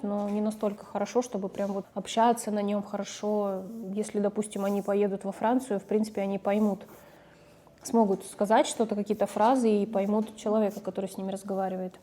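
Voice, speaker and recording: Her voice is mid-range and dark-toned. A middle-aged mother who vlogs about family, from a Russian-speaking background, she speaks casually and chattily to the camera, now and then correcting herself partway through a sentence.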